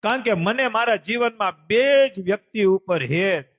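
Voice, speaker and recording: Animated high-voiced storyteller man. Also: no echo. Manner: animated, voices the characters in the story with quick pitch jumps. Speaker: preacher telling a devotional story. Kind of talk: Gujarati devotional storytelling sermon. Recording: dull lo-fi recording.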